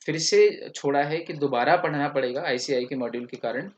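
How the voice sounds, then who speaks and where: A man's voice: fairly high pitch, moderate pace. Man teaching English grammar. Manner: explanatory, switching between Hindi and English mid-sentence. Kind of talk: recorded lecture.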